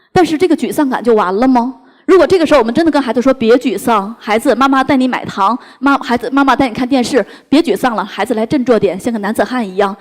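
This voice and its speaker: Woman speaker, lively stage talk on parenting, slightly high voice, acts out conversations. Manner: animated, acts out dialogue with her child.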